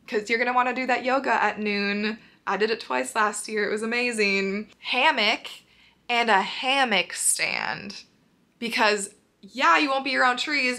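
A young woman with a Minnesota accent talks in a bright, sparkly tone from her apartment. She rambles cheerfully, peppering everything with "like", at a middle pitch. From Minnesota, USA. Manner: bubbly, rambling, heavy use of "like", frequent laughs. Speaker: vlogger. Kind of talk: casual chatty advice vlog.

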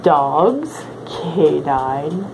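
A woman's voice: low-pitched, big pitch swings, drawn-out words, creaky. A woman in a costume head answering fan questions in a playful, sassy manner, her voice muffled by the mask. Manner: playful, sassy, in character as a winged canine creature. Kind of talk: casual chat. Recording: noisy background hiss.

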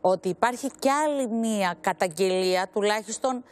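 A woman hosting a television talk show, asking probing, pointed questions of her guest. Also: mid-range voice. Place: television studio.

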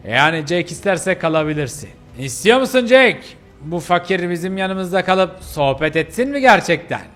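A man's voice: high-pitched, very animated, moderate pace, fairly bright tone, faint music behind, pitched above the performer's own voice. A man voicing a cocky bully dog who mocks a stray in a game role-play. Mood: mocking. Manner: mocking, boastful.

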